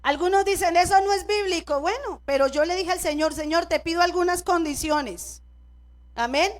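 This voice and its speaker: In a church, a middle-aged woman pastor with a Colombian Spanish accent preaches a sermon at normal speed in a very high voice. She addresses the congregation directly, weaving personal stories with prompts like "¿cierto?" and repeated "amén."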